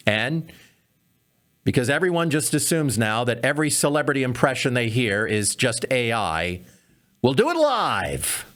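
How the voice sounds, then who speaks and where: A man's voice: mid-range voice, a bit bright. A man hosting a comedy podcast, giving sarcastic political commentary full of mocking rhetorical questions.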